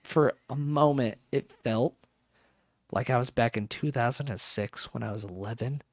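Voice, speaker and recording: A young man in his twenties co-hosting a podcast, rambling excitedly about football with plenty of swearing. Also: medium pitch, moderate pace, dry recording. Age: 20s. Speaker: podcast co-host. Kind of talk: casual chat.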